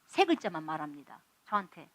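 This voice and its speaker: A woman's voice: low-pitched, sing-song, a little fast, no echo. A woman missionary preaching a testimony sermon, telling stories and acting out dialogue with animation.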